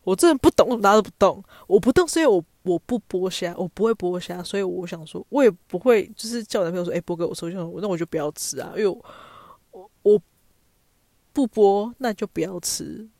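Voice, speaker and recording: A woman's voice: mid-range voice, expressive, quick pace, a little mellow, no room sound, clean studio sound. A young woman with a Taiwanese Mandarin accent, telling stories in a chatty, self-mocking way as a podcast host. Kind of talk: casual storytelling monologue.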